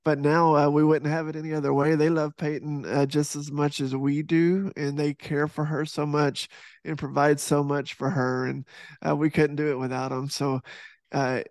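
Earnest man, brighter voice, dry sound. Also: on the high side, little pitch movement, moderate pace, dry recording. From Texas. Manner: earnest, heartfelt, with many restarts and fillers. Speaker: podcast guest, fitness instructor and author. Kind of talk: casual video-call interview. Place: home room with poster behind. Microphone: headset mic on boom arm over video call.

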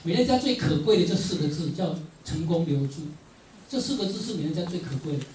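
Middle-aged Taiwanese motivational speaker, lively storyteller, laughs a lot, echoey hall from a distant mic. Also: male voice, fairly high pitch, quick pace, a little hiss or hum. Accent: Taiwanese Mandarin. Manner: animated storyteller, often laughing, emphatic repetition. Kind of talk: motivational speech.

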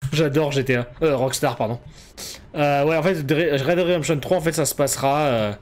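A man's voice: on the high side, moderate pace. A man streaming a video game, chatting and joking casually with viewers and swearing freely. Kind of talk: casual live game commentary.

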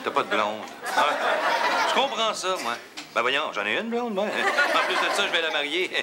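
An actor playing an insecure, melodramatic middle-aged man in love in a television sitcom, halting, with a Quebec French accent. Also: on the high side, sing-song, over a noisy crowd. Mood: defensive. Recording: noisy studio, loud audience laughter.

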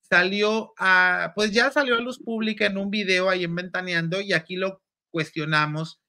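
A man's voice: sits high, fairly even intonation, normal speed, bright, forceful tone. A man hosting a casual gossip show, campy and exclamatory, reading viewer comments aloud. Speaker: show host.

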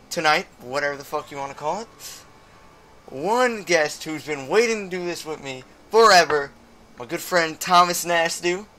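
A man's voice: a little high, bright, forceful tone, slight background noise. A man hosting a let's play, chatting casually with friends as he games. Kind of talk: casual gaming commentary with friends. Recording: clear game ambience behind voice.

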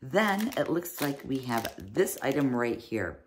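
Seated at her desk in front of a fixed camera in a small, cozy room, an American unboxing reviewer casually opens a product. Her voice is low with big pitch swings and an unhurried pace, and she chats freely, often using "little" and "like," over a slight hiss or hum.

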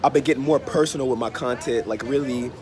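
A man in his thirties with a congested, stuffy nose, under the weather, chatting casually to his phone as a travel vlogger, unhurried and repeating phrases. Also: mid-range voice, a crowd in the background. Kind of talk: casual chat to camera. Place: open-fronted hostel bar or cafe. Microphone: phone held at arm's length. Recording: noisy open-air cafe with traffic. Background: street and vehicle ambience.

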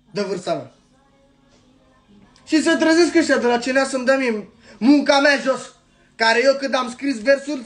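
Young man, high-pitched, from Romania, rapper, angry rant to camera, heated and insulting. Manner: heated, insulting, swings between shouting and muttering.

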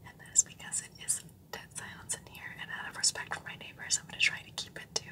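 A young woman whispering softly inside a small sleeping capsule, as a whispered role-play tour. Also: fast talker.

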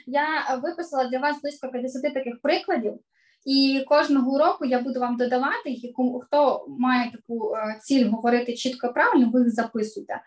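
Middle-aged woman voice coach, high pitch, online class, emphatic and clear. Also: steady tone, fairly quick. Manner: clear, emphatic teacher delivery, stresses key words. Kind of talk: online lesson to children.

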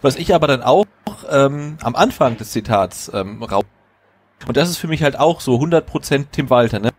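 A man's voice: mid-range voice, expressive, moderate pace, husky. A man co-hosting a football podcast, giving his opinion firmly in casual talk with many hesitations and fillers. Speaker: podcast co-host.

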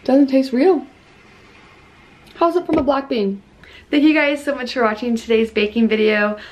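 A bubbly young woman talks her way through a baking tutorial at home, keeping it casual and chatty. She leans on "like" and "um" often, speaking fairly quickly in a slightly high voice.

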